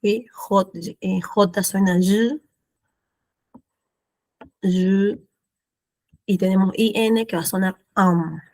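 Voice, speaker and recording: Female French teacher, Argentine accent, slow deliberate delivery, slight fry, dry close sound. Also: mid-range voice, fairly even intonation, a little mellow, dry recording. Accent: Argentine Spanish. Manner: patient, repeats words slowly, asks "¿sí?" often. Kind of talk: classroom explanation of pronunciation.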